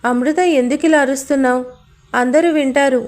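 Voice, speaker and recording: A woman's voice: high voice, fairly even intonation, brisk, natural voice. A woman reading the lines of a troubled young man in a love story, by turns pleading and strained.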